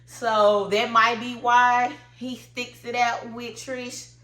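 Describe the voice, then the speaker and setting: Speaking slowly with a level tone, a stuffy-nosed woman recaps reality TV in a loose, chatty, opinionated way. Her fairly high voice comes across pushed and bright in an echoey room.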